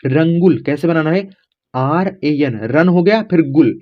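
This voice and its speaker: Lively in intonation but measured in pace, a man with a slightly high voice spells out letters step by step in a relaxed classroom manner. He addresses viewers informally as friends and checks in with them often, though the lo-fi recording sounds dull.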